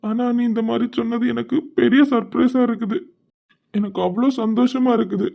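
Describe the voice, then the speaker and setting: A performer voicing a gentle young husband in a cartoon, with a Tirunelveli Tamil accent, asking anxious, quick questions. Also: medium pitch, fairly even intonation, gravelly, lo-fi sound. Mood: overjoyed.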